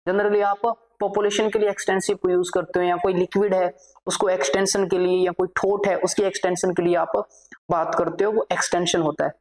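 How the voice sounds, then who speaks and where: A woman's voice: on the low side, a little mellow, low-quality recording. A woman teacher giving a vocabulary lesson for exam students, explaining English words in Hindi and repeating each word while she dictates lists.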